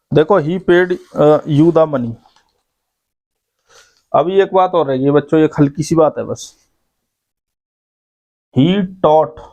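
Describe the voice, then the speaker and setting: A man's voice: a little high, darkish tone. A man teaching an English grammar lesson to school students, explaining step by step and often checking in with "okay, brother". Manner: explains step by step, keeps adding "ठीक है भाई".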